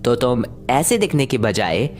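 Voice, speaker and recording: A woman voicing a knowing, patient male gas giant, lecturing assertively, in an educational animated comedy dub. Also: extremely low pitch, a little slow, full character voice. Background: faint background music.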